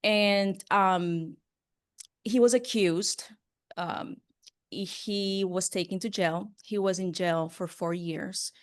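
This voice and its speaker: A woman's voice: medium pitch, fairly even intonation, slow. A woman telling personal stories as a journalist being interviewed, in an earnest, conversational way with emphasis on key words. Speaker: interview guest, broadcast journalist. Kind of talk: casual personal storytelling in an interview.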